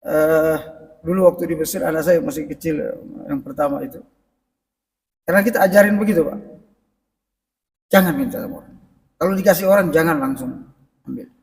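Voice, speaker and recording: A middle-aged male preacher speaks directly to the congregation in a mosque hall, giving a conversational lecture on parenting. His voice sits on the high side, with vocal fry, a fairly quick pace and frequent pauses. The recording is echoey, with the mic placed at a distance.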